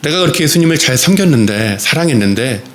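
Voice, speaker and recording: Lively, expressive male pastor preaching. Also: mid-range voice, fast talker. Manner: expressive storytelling preacher, fillers and repetitions. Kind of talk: sermon. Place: church.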